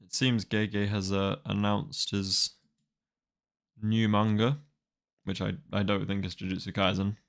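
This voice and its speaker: Young man, twenty, live-stream chat, gravelly, low-pitched, rambling and wry. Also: level tone, measured pace, fairly bright tone. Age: 20s. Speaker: manga reaction streamer.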